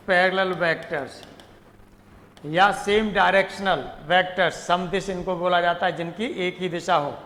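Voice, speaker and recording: A man's voice: sits high, bright, forceful tone, big-room sound. A man teaching a math lesson. He mixes with English terms, repeats key words and asks questions he answers himself. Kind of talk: classroom lecture.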